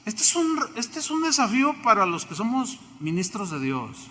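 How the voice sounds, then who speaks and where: A bright, sharp-edged male voice with a Mexican accent, preaching emphatically and swinging widely in pitch. He fires rhetorical questions at his congregation, and his words echo through a large church hall. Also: sing-song, moderate pace. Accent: Mexican Spanish. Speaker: pastor. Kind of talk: sermon.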